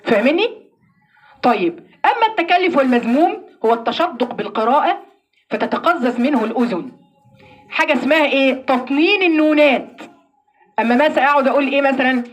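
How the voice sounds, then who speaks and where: An Egyptian woman teaching Quran recitation to a class, asking questions and answering them herself, and slowly demonstrating verses. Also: sits high, expressive. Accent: Egyptian Arabic. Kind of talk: classroom lesson.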